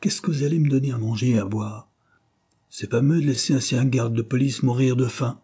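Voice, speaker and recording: Man doing rude grumbly bailiff guy in an audiobook, husky. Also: mid-range voice, fairly even intonation, a little fast, warm tone, pitched above the performer's own voice, natural voice. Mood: gruff. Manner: gruff, grumbling. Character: coarse, rude male bailiff guard.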